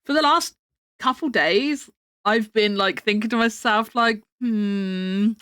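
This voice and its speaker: A woman's voice: on the high side, measured pace, bright, forceful tone, dry recording, studio quality. A British woman chatting casually on a livestream in a cute, playful, rambling way. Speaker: livestream host.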